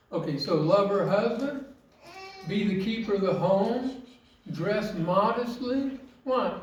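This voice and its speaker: A man delivers a sermon in a high, unhurried voice, leaning on rhetorical questions and emphatic phrasing. He stands some distance from the mic. The heavy echo of a church hall surrounds every word. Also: darkish tone. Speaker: preacher. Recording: very echoey, from off mic.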